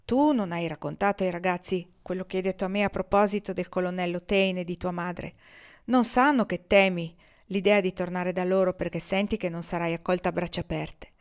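A shrewd woman who cares about her friend, voiced by a woman narrator. She speaks low but with plenty of energy. It sounds like a storybook reading. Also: fairly even intonation, brisk, natural voice. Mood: persuasive.

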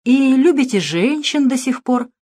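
A woman's voice: high-pitched, animated, a little slow, warm tone, no echo, voice pushed up. A woman voicing a cool, mocking male private detective in an audiobook, speaking sternly. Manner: stern, needling. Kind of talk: audiobook narration.

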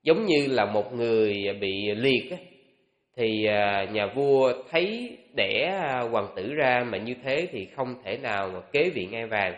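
A male Buddhist monk delivers a dharma talk at an unhurried pace, pausing often and filling the gaps with soft hesitations. His mid-pitched voice rings through a reverberant hall, with a long tail after each phrase. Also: lively intonation, lo-fi sound. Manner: unhurried, thinking aloud with many pauses and fillers.

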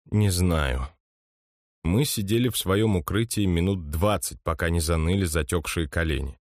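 A man narrating an audiobook in the first person with measured, steady storytelling. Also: deep voice, dry recording, studio quality.

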